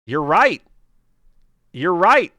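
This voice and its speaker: A man hosting a racing stream commentates live in a high, pushed and bright voice that swings widely in pitch and moves extremely slowly. His folksy patter is chatty and full of jokes, and though the recording is dry, engine noise and race ambience sit behind him.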